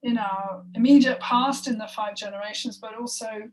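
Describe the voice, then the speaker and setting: A woman speaks through a spoken energy healing session in a halting, heartfelt way, sighing and dropping into soft breathy asides. Her voice sits a touch high. She is recorded a little away from the microphone. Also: steady tone. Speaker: healing session practitioner and co-host. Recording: voice distant from the mic.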